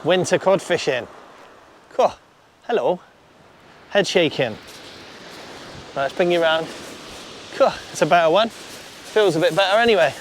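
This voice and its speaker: Chatty angler on a beach. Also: male voice, sits high, normal speed, pauses often. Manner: chatty, mutters to himself, swears casually. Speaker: shore angler vlogger. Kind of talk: casual outdoor fishing vlog. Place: shingle beach by the sea, outdoors. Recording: surf noise behind.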